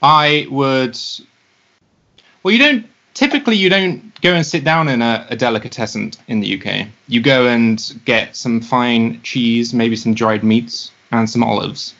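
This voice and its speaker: Gravelly British man, dry humour. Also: medium pitch, unhurried, a bit bright, highs cut off. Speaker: podcast co-host. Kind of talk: casual banter.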